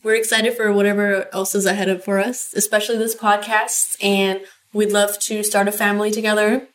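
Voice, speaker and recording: A woman's voice: medium pitch, flat delivery, brisk, fairly bright tone, slight background noise. Chatty American woman co-hosting a podcast. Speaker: podcast co-host. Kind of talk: casual chat. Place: home living room.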